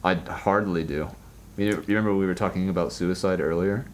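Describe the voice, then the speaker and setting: A man's voice: low voice, brisk, slight background noise. A man co-hosting a casual podcast, playful and self-mocking in his banter. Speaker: podcast co-host. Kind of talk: casual chat.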